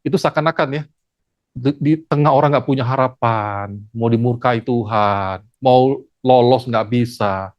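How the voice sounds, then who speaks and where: A theology lecturer giving a lively classroom lecture, acting out stories and asking the class questions. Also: mid-range voice, a little slow, no room sound, lo-fi sound. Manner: animated, acts out stories, asks the class questions.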